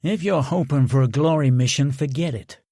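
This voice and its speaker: A man's voice: a little high, normal speed, mellow, no room sound, clean studio sound. A man voicing a brash, mocking American sergeant in an audiobook, talking in cocky, needling banter. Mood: taunting.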